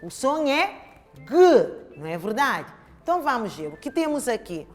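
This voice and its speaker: A woman's voice: fairly high pitch, sing-song, a little fast, soft background music. A woman with a European Portuguese accent teaching young children in a home-learning lesson, stretching out syllables with exaggerated emphasis. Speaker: primary school teacher.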